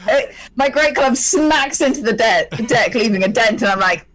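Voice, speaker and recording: A woman's voice: on the high side, animated, moderate pace, a bit bright. A woman playing a tabletop game, chatty and playful as she describes her moves. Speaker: player. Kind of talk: casual tabletop play.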